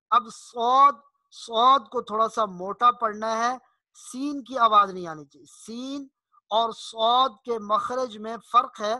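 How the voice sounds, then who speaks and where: A man, teaching Quran pronunciation in an online lesson. He explains patiently and draws out the recited words slowly to show the right sounds. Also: high-pitched, bright, forceful tone, dry recording.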